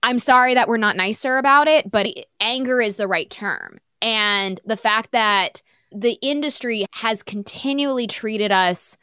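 A woman's voice: fairly high pitch, unhurried, sharp tone, clear, resonant tone, no echo, studio quality. A young woman speaking as an interview guest, outspoken and passionate, swearing freely and slipping into sarcastic mocking impressions. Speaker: podcast guest. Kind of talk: candid conversational interview.

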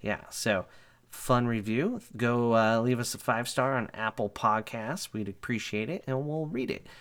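A man's voice: mid-range voice, measured pace, a bit bright, clean tone. A man hosting a podcast, chatting casually and teasing his co-host. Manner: teasing, joking. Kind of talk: casual chat.

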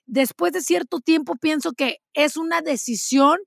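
A woman with a Mexican Spanish accent chats on a podcast with frank, bawdy humor. Her voice is high with a gravelly rasp. The sound is dry and close to the mic. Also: unhurried, fairly bright tone, no room sound. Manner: bawdy, joking storyteller. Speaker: podcast co-host. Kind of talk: casual podcast chat.

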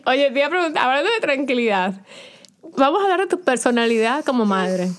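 A woman's voice: sits high, very animated. A woman in her thirties, a mother, chatting casually in a playful, teasing way. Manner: playful, teasing, quick to quote herself. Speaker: co-host, mother. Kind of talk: casual chat.

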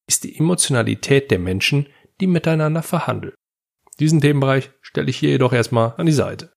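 A German man hosts a podcast, delivering a scripted advice monologue that talks directly to the listener and draws on anecdotes. His voice is medium-pitched and creaky.

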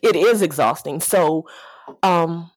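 A woman's voice: lowish voice, slow pace, no echo, rough recording. A woman with a Southern American accent chatting casually, with a sassy, candid and playful manner. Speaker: auto repair shop owner, podcast guest. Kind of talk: casual chat.

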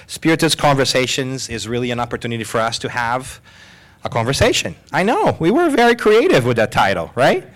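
A man hosts a live panel in front of an audience, trading light jokes and poking fun at himself. His voice has a slight hoarseness, and he talks in a chatty, upbeat way. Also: medium pitch, fairly quick. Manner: jokey, lively, self-deprecating. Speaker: host. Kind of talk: live panel show hosting. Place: symposium hall with audience.

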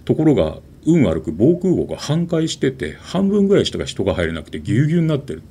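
Fast, lively male ghost-story teller. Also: medium pitch, breathy edge. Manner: animated, dramatic storytelling with sound words.

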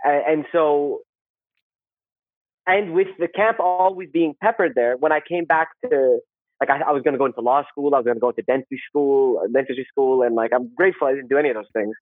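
Male interview guest, conversational and halting with repeated phrases, close dry sound with limited bandwidth. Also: mid-range voice, no room sound, phone-quality sound. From Saudi Arabia. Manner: rambling, halting, repeats words and phrases, often tags "right?". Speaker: podcast guest, social worker. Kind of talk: casual interview, personal storytelling.

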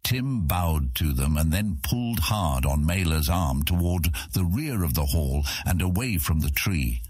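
This fantasy audiobook narrator is a man with an extremely deep, husky voice and a darkish tone. His scripted storytelling is dramatic and expressive at a measured pace, recorded close and dry.

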